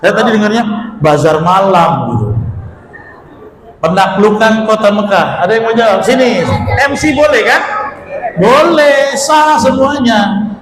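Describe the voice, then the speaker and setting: A man's voice: high-pitched, lively intonation, unhurried, pauses often. A man preaching, running a joking quiz with the congregation and teasing and calling out to the crowd in a mosque hall. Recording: echoey hall, faint room ambience.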